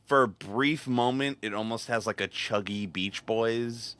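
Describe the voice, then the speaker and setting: A man co-hosting a music podcast, describing songs eagerly and speeding up when he gets excited. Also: mid-range voice, no room sound. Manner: enthusiastic, descriptive, talks fast when excited. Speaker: podcast co-host. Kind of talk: casual chat about music.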